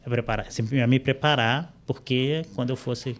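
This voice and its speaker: A man speaking Brazilian Portuguese, a guest interpreter on a podcast, explaining things in a relaxed way with frequent fillers, recorded on a studio microphone. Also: mid-range voice, normal speed. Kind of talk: casual interview chat. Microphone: studio microphone with headphones.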